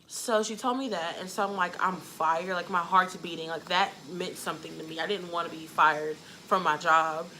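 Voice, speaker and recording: A young woman with a bright, forceful voice tells a story in a loose, chatty way. She leans on "like" and slips into other people's voices as she goes. Faint hiss sits under her speech. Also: lowish voice, fairly even intonation, moderate pace, few pauses. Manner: chatty, full of "like" fillers, quotes people vividly. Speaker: vlogger. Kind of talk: casual storytime.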